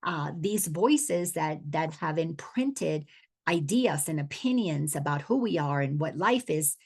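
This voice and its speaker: A woman's voice: deep voice, animated, measured pace, a little mellow, slightly rough. A middle-aged woman from the Dominican Republic, an awareness coach giving a spiritual teaching talk, earnest and often restarting her words.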